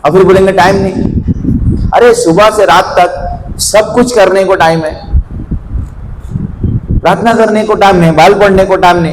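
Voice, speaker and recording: A man's voice: sits high, noisy background. A man preaching a sermon as pastor, scolding his flock and telling comic stories along the way.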